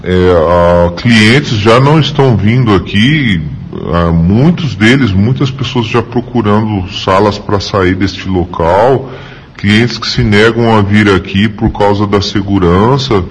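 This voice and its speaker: A man's voice: fairly low pitch, slow, breathy edge, rough recording. A shop owner speaking hesitantly in a street interview, his voice disguised by a voice changer. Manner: hesitant, many filler sounds. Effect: voice altered by a voice changer.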